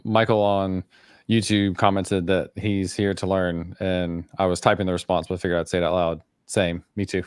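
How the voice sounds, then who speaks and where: A man hosting a live stream, moderating guests in a relaxed, friendly way and reading chat comments aloud. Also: sits low, clear, resonant tone, dry recording, clean studio sound.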